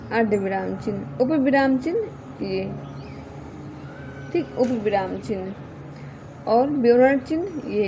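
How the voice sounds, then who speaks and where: A woman's voice: fairly high pitch, background noise. A woman teaching an exam-prep grammar lesson, who keeps asking "kya?" and then repeats her key points.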